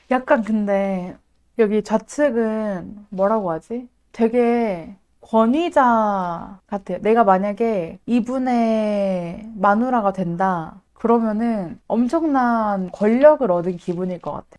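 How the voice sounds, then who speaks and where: A woman hosting a casual live stream, excitable and dramatic, often laughing and reacting to viewer comments. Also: medium pitch.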